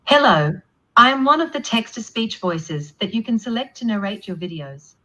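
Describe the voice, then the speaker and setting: A woman's synthetic text-to-speech voice played back from a computer, reading a sample line in an even, scripted delivery. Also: fairly high pitch, normal speed. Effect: synthetic text-to-speech voice played back through a computer. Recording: dull lo-fi playback.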